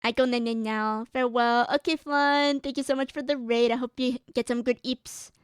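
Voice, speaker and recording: A woman's voice: fairly high pitch, fairly even intonation, normal speed, smooth, no echo, clean studio sound. Giggly woman streamer with a tired voice. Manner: giggly and rambling, with frequent laughs and fillers. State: strained, tired voice. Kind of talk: casual stream sign-off chat.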